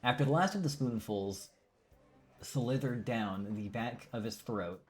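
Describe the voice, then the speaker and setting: A man's voice: medium pitch, a little slow. A man streaming himself reading a visual novel aloud, often tripping over words and correcting himself, drowsy and yawning. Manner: stumbles and self-corrects, drowsy.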